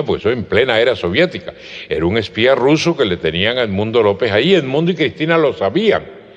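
A low-voiced man with a Colombian Caribbean coast accent tells stories to friends in an animated, rising-and-falling way. He spells words out slowly and laughs often. The dull, lo-fi recording carries a long hall echo. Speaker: storyteller among friends. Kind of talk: casual storytelling conversation. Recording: reverberant hall, dull lo-fi sound.

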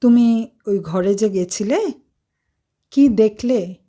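A woman voicing a kindly older male monk who questions gently and patiently, in a devotional story. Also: medium pitch, takes it slowly. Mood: gentle.

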